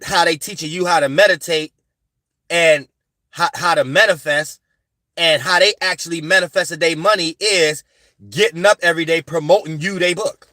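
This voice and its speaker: A man's voice: on the high side, moderate pace, bright, forceful tone, dry recording. Preachy, rambling man with a dry sound. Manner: rambling, preachy, repeats "you know what I'm saying"; slangy conversational delivery. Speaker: spiritual astrology channel host. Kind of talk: casual spiritual lecture to viewers.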